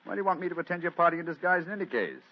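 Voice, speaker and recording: A man's voice: fairly high pitch, very animated, racing. An actor voicing a brilliant, wry detective in a 1940s radio play, dry and theatrical in his delivery. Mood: amused. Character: brilliant, wry male detective, sharp and amused. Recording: dull lo-fi old radio recording.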